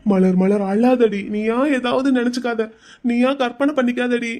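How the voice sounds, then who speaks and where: A woman's voice: fairly high pitch, moderate pace, a little mellow, lightly acted. A woman voicing an anxious young husband in a cartoon drama, pleading with his wife not to leave. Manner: pleading, coaxing.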